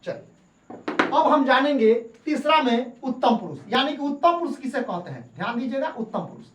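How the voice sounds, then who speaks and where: A woman's voice: sits high, sing-song, normal speed, noisy background. A woman teacher gives a lesson, repeating each point and asking questions that she answers herself. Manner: repeats points and asks rhetorical questions, then answers them. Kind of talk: classroom-style lesson. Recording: echoey room.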